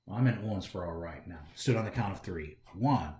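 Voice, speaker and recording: A deep, expressive male voice with a brisk pace, a darkish tone and a little hiss or hum in the background. He's an American storytime host, reading a picture book aloud theatrically and speaking straight to young listeners. The room sounds spacious and echoey.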